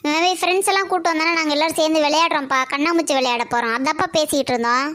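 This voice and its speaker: A woman's voice: high voice, fairly even intonation, very fast, a bit bright. A woman voicing Nisha, a chatty little cartoon girl who complains about her father. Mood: complaining. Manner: complaining, whiny. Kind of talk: cartoon comedy acting.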